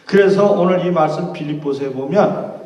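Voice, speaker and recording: A man's voice: fairly high pitch, normal speed, a little mellow, lo-fi sound. A man preaching a sermon, retelling a Bible story with emphatic, dramatic delivery. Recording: echoey hall, distant mic.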